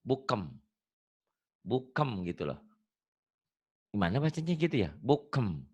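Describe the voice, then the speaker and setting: A man's voice: medium pitch, very animated, unhurried, darkish tone, husky, highs cut off. A man teaching Quran reading in an online lesson, patient and joking, repeating words for a student to copy. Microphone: video call.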